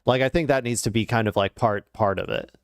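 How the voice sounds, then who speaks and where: A man's voice: fairly low pitch, a little fast, dry recording, studio quality. A man commenting casually on political news clips, rambling with frequent fillers and restarts.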